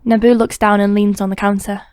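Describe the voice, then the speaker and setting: A woman narrating an audiobook crime drama in a steady, even reading voice. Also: mid-range voice, brisk, no room sound. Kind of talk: scripted narration.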